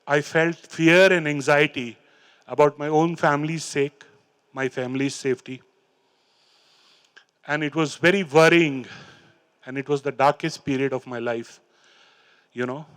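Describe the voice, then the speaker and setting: A middle-aged man, a native Hindi or Urdu speaker with an Indian English accent, tells of his recovery and recites poems from a large hall stage through a handheld mic. His mid-range voice is a bit bright and clean, and he speaks earnestly, stumbling into fillers and restarts.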